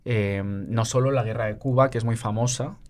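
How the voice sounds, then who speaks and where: A man's voice: mid-range voice, fairly even intonation, moderate pace. A man co-hosting a podcast, explaining history in casual chat with frequent fillers. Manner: explains with many fillers and asides. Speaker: podcast co-host.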